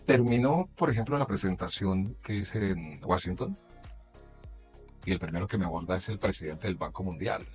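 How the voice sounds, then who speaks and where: Middle-aged man from Colombia, low voice, veteran announcer spinning lively anecdotes in interview; faint music bed. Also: moderate pace. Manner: animated anecdotes with frequent laughter. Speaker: journalist and announcer. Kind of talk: casual interview storytelling.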